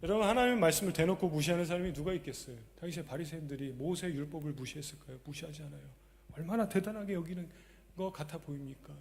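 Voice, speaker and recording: A male pastor preaching a sermon to his congregation, emphatic, swinging between loud exclamations and quiet asides and asking rhetorical questions. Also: fairly high pitch, fast, slight background noise. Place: church sanctuary during a live service. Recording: reverberant church hall.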